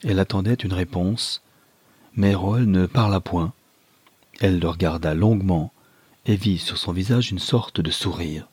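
Low, husky male audiobook narrator. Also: a little slow, darkish tone, no echo. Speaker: audiobook reader. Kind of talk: scripted narration of a novel.

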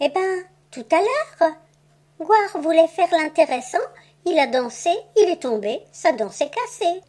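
A cunning, boastful rabbit trickster, as a woman reader puts him on for a storybook. He talks high and unhurried with a teasing, playful slyness. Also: expressive, darkish tone. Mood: sly. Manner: sly, playful, theatrical. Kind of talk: audiobook tale reading.

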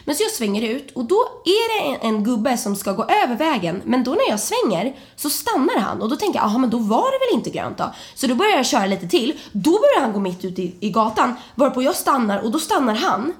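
A young woman co-hosts a casual podcast, spinning a story with lots of energy. Her voice sits a little high and swings widely, and she jumps into sudden loud quotes of the people in the tale. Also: few pauses. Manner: animated, acts out quotes with sudden high shouts. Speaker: podcast co-host.

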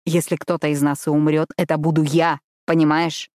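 A woman reading an audiobook, voicing a fierce, commanding young man who growls his words hoarsely through clenched teeth. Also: low voice, little pitch movement, moderate pace, darkish tone, no room sound, clean studio sound, natural voice. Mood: furious. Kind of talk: audiobook character voice.

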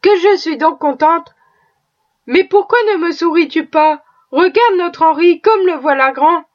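A loving, anxious young wife speaks tenderly and pleads, read in a woman's own voice. Her voice sits high, and the recording sounds dull and lo-fi. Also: a little slow.

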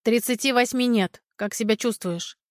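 Gruff, curt village man in an audiobook, read by a woman, dry close sound. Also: a little high, normal speed, no echo, close to an everyday voice. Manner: curt, dry, mildly mocking.

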